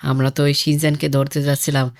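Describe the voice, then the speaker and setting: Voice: medium pitch, flat delivery, fast, a little mellow, lightly acted. A voice actor playing a cowardly henchman in a cartoon who runs to his boss. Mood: whining. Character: cowardly gang henchman, tattling.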